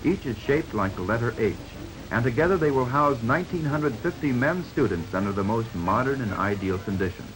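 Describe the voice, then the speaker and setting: Over background music on a 1950s newsreel soundtrack, an American man delivers scripted narration. His medium-pitched voice is animated and brisk, and the recording quality is low.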